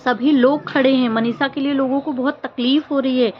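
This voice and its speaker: A vlogger with a high, steady voice talks a little fast as she shares her take on a social media controversy with viewers. Her casual commentary is emphatic, earnest and reproachful, full of rhetorical questions. The recording is muffled and lo-fi, with faint background noise.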